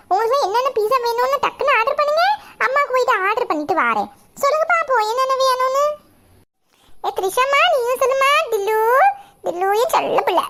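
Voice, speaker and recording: A caring young aunt from a children's cartoon, voiced by a performer. Her voice sits very high, bright and sharp-edged, gentle and soothing as she fusses over the kids. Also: a little hiss or hum, full character voice. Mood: cheerful. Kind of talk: cartoon voice acting.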